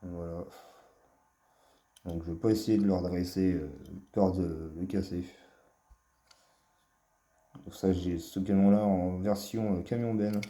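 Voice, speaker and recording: A man's voice: low-pitched, fairly even intonation, measured pace, long pauses, mellow. A man casually showing his collection in a vlog, talking hesitantly with many fillers and a fond tone. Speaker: collector presenting his finds. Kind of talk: casual show-and-tell vlog. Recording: echoey room.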